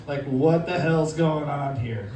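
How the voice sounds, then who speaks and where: Rambling crude comedian with guitar music. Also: male voice, on the high side, a little mellow. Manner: crude, rambling, laughs at own jokes. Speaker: comedian sidekick. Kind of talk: live stand-up storytelling. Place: comedy stage in a dispensary. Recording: echoey room, mic at a distance.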